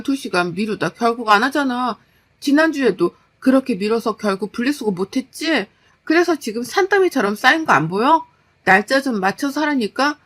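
Woman reading a tired working wife, exasperated, scolding, a bit high. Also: a bit bright. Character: exhausted working wife, fed up.

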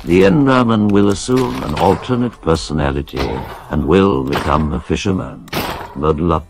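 A synthetic male text-to-speech voice reading donation messages in a flat, deadpan recital. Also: low-pitched, moderate pace, noisy background.

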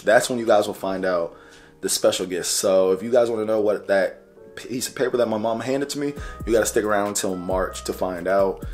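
A man's voice: fairly low pitch, darkish tone. A man in his twenties talking casually to his vlog viewers. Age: 20s. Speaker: vlogger. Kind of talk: casual vlog talk to camera. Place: small room at home. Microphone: camera at arm's length.

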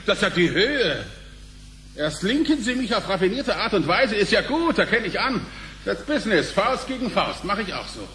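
In a German radio play, a male actor plays a brash, crude, jovial company director, blustering through blunt, slangy exclamations with an excitable, heavily acted, indignant delivery. His voice sits high at a moderate pace, with a little hiss or hum.

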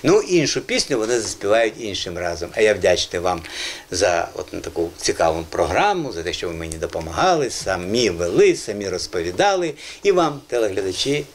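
A man's voice: sits low, big pitch swings, brisk, a little hiss or hum. A man hosting an educational children's TV show about language, explaining words patiently and encouraging the children in the studio. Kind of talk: educational TV presenting.

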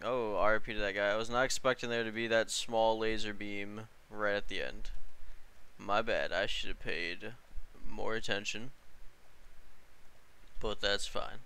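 A man's voice: on the low side, bright, forceful tone, smooth. A young man chatting casually as he plays a video game, joking at his own failures and laughing often. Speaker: gaming channel host. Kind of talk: casual gameplay commentary.

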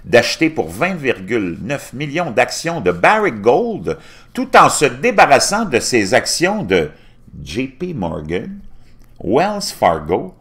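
On his own YouTube channel, a middle-aged host reads news pieces from his screen with added asides, repeatedly stumbling over words and starting again. He has a mid-range, fairly bright voice, recorded in a small home room on a desktop mic.

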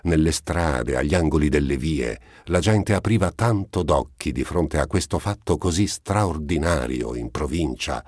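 A man reading a classic novel aloud as an audiobook narrator, in a steady, measured way. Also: rumbling low, slightly rough, no echo, clean studio sound.

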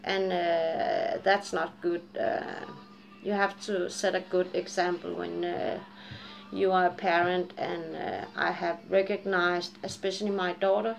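A vlogger in her forties, from Japan and Denmark and carrying both accents, chats candidly to a webcam in her dim living room at home, rambling, laughing often and cursing freely. Her voice is lowish and creaky, flat and measured. The recording sounds muffled.

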